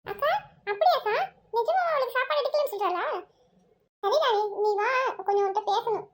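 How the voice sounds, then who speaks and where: A woman doing a fussing middle-aged aunt who talks at length and scolds her little son. Her voice is very high and her speech quick. It is a homemade family drama. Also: expressive. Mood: worried. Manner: chatty, fussing. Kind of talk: home family drama, one narrator voicing all roles.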